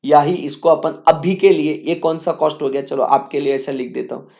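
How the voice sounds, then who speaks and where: A man's voice: fairly high pitch, steady tone, normal speed, creaky, a little mellow. A male teacher giving a lecture, bantering playfully with his students in slang and repeating his questions to the class.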